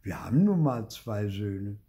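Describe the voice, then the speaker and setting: A man's voice: fairly low pitch, big pitch swings, measured pace, dark tone. An older man voicing a firm mother who scolds her son in a storybook reading.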